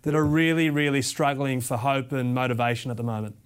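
A man's voice: mid-range voice, fairly quick, clean tone. A man with an Australian accent hosting a casual broadcast interview. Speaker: interview host.

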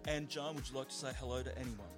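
A man hosts a casual radio chat at a medium pitch. He sounds upbeat and appreciative, with music clearly playing behind his voice. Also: quick pace. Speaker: radio host.

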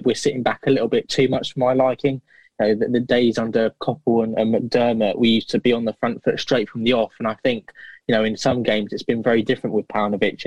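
A man's voice: mid-range voice, darkish tone, no echo, low-quality recording. A man giving interview answers as a football fan, earnest and hesitant. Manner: earnest, hesitant, many fillers and restarts.

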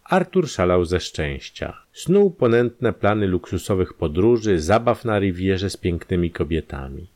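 A man reading a crime story as its narrator, in measured, scripted storytelling. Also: deep voice, very animated, a little mellow.

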